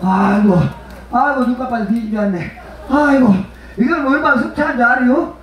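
A man's voice: very high voice, fairly quick. A man performing as a pumba street entertainer, joking bawdily and teasing the audience at an outdoor festival. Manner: teasing, brash, calls listeners mother and father. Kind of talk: bawdy comic banter with the crowd. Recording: heavy echo, voice from far off.

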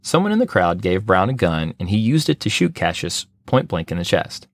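Low-voiced man reading local history. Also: dry recording, clean studio sound. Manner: steady, measured reading. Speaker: library podcast host. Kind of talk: scripted history narration.

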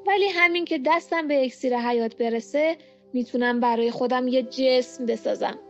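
Woman plays a menacing snake-faced dark lord, storybook; high voice, muffled lo-fi track, faint music. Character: evil male dark lord, a bodiless snake-faced spirit. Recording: muffled lo-fi home recording.

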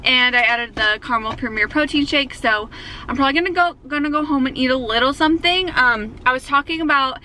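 A young adult woman chats to camera for her vlog, cheerful and filler-heavy, recorded on a handheld camera at arm's length in her car and kitchen. She speaks fairly quickly in a high-pitched, bright, forceful voice, with a little hiss or hum underneath.

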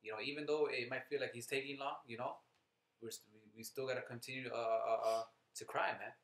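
A man's voice: medium pitch, fairly even intonation, brisk, fairly bright tone, echoey room, rough recording. A man giving informal scripture teaching in casual, slangy talk full of fillers and restarts. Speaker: lay preacher.

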